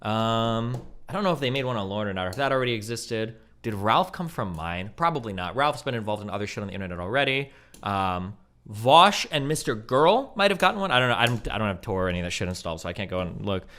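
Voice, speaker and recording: A man's voice: fairly low pitch, sing-song, fast, a bit bright. A man streaming live, reacting to a video with exasperated, profane ranting commentary. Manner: ranting, exasperated, swears a lot.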